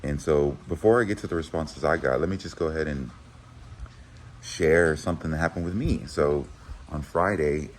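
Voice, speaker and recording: A man's voice: rumbling low, normal speed, slight background noise. A middle-aged man and school administrator talking earnestly and casually to teachers in a video message, with many "you know" fillers.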